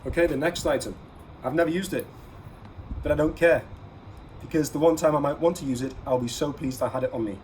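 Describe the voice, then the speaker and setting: A man with a slightly high, somewhat mellow voice hosts a casual everyday-carry gear vlog, briskly advising viewers on products and stressing key words between long pauses. The recording is rough, with clear ambient noise in the background.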